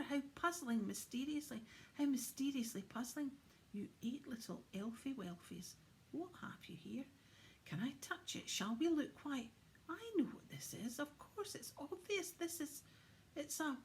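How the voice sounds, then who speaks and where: Woman acting jolly bumbling old Santa, exclamatory storybook voice, raised pitch, noisy recording. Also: animated, unhurried. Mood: giddy, excited. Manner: exclamatory, old-fashioned posh slang.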